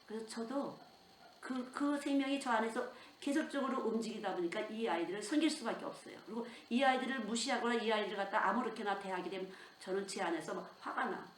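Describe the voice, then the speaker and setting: A woman's voice: fairly high pitch, quick pace, reverberant, slight background noise. An older woman preaching a sermon as a children's missionary, telling stories with strong emotion. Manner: emotional, animated storytelling with sudden outbursts.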